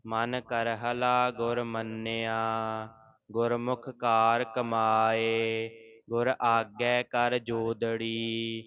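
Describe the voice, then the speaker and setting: A man reading scripture aloud line by line in a slow, even, chant-like recitation. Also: mid-range voice, clean tone, dry recording. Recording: dull lo-fi audio.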